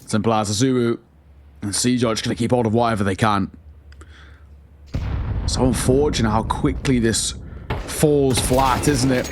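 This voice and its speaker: A man's voice: mid-range voice, steady tone, normal speed, long pauses. A man working as an esports caster, mixing conversational analysis with play-by-play commentary on a live match. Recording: clear background noise behind the voice.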